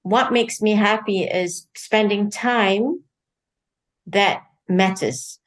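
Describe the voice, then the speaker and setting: A woman's voice: mid-range voice, takes it slowly, poor audio. A cheerful, giggly middle-aged woman from Singapore, chatting as a guest in an interview. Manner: cheerful, giggly, laughs easily. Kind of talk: casual interview chat.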